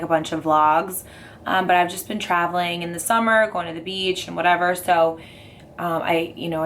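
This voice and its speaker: A young woman with a hoarse, raspy voice from a cold, chatting casually through a makeup review with lots of fillers. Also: fairly low pitch, a little hiss or hum. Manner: chatty, rambling with many fillers. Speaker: beauty vlogger.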